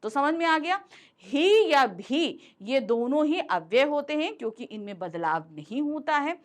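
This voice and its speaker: A woman's voice: high voice, big pitch swings, unhurried. A woman teacher explaining a Hindi grammar lesson, asking and answering her own questions and mixing in English words.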